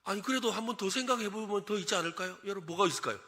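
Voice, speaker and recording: A man preaching a sermon as senior pastor, lively and animated, asking the congregation questions and acting out complaining voices. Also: high-pitched, racing.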